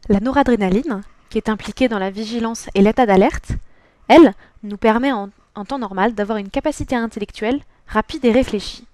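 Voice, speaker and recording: A woman's voice: a little high, a little fast, a little mellow, dry recording. A teenage girl from France narrating a scripted school presentation, reading a prepared text carefully and evenly. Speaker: student presenter.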